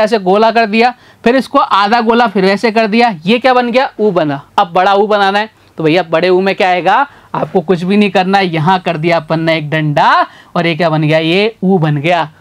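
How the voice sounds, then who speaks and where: A man teaching a literacy lesson in a folksy, repetitive call-and-response way. He sounds out syllables slowly and calls his learners brother and sir. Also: high voice. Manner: slow, sounds out syllables one by one.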